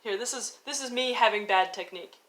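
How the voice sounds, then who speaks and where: This violin teacher's voice is slightly high and brisk. Teaching an instructional lesson, she talks and demonstrates, explaining and counting out fingerings in an informal, encouraging way.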